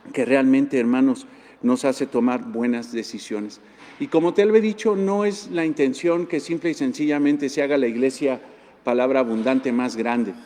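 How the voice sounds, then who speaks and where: A man's voice: medium pitch, mellow. A man preaching a sermon earnestly, repeating key points and addressing the congregation as brothers. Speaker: pastor. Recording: long hall reverb.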